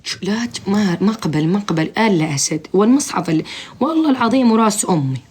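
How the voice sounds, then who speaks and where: Fast-talking woman, blunt and teasing. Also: mid-range voice, lively intonation, a little mellow, husky. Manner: teasing, blunt, joking scolding. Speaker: live-stream host giving advice. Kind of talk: comic advice chat on a live stream. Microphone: phone live stream.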